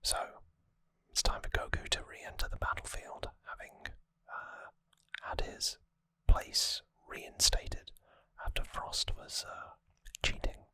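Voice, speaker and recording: Close to the mic with no echo, an ASMR host whispers a recap that explains things, hushed and unhurried.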